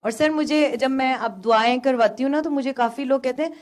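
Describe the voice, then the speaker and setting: Young woman guest, higher-pitched voice, earnest emotional testimony, hesitant fillers. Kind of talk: personal testimony on a call.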